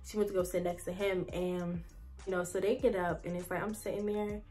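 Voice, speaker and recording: Over soft background music, a young woman vlogs a rambling, chatty storytime at a fairly quick clip. Her mellow voice sits on the low side with little pitch movement, and she leans heavily on "like" while calling her viewers "y'all."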